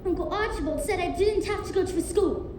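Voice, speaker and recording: A woman's voice: very high-pitched, fairly quick. A woman playing a stubborn, hot-tempered young orphan girl in a stage play, speaking with childish bluntness. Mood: stubborn, hurt. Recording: distant, echoey, noisy stage recording.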